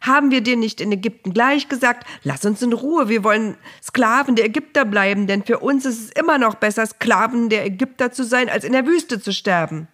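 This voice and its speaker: A woman's voice: on the high side, a little fast, few pauses, voice pushed up. A woman voicing a frightened crowd angrily accusing their leader. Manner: accusing, complaining shouts. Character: frightened, angry crowd of former slaves.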